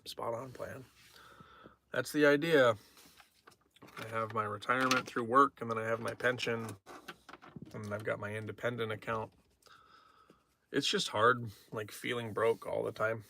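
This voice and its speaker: A man's voice: medium pitch, fairly even intonation, unhurried, gravelly, pauses often, pushed and bright, a little hiss or hum. A young man on a livestream, talking candidly and reflectively in a casual way, often trailing off and restarting his sentences. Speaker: poetry livestreamer.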